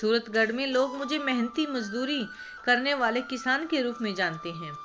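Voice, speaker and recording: A woman's voice: fairly high pitch, moderate pace, lightly acted. A woman reading a storybook voices a polite, kind-hearted male village thief who speaks respectfully. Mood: apologetic. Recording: background music.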